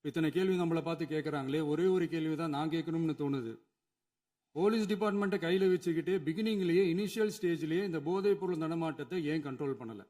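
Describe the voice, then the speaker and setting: A man's voice: a little high, fast, mellow. A man, a chief minister, giving an emphatic formal speech in a legislative assembly hall, building his points through repetition.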